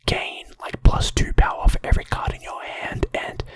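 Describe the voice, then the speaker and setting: A person whispering informal, hesitant ASMR commentary on a card game, breathy, with wet mouth clicks, close to the microphone. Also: normal speed. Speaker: ASMR content creator.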